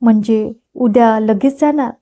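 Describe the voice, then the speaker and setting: Gentle matriarch, as a woman reads her. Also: on the high side, unhurried. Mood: kindly. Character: dignified older woman, household matriarch. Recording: dull lo-fi recording.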